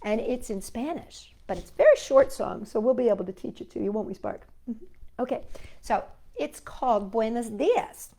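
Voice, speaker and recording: A woman with a slightly high, creaky voice and a dark tone speaks animatedly at a moderate pace. As a native English speaker hosting a playful, chatty storytime for small children, she keeps asking her listeners little questions and uses tag questions with her companion and the kids watching.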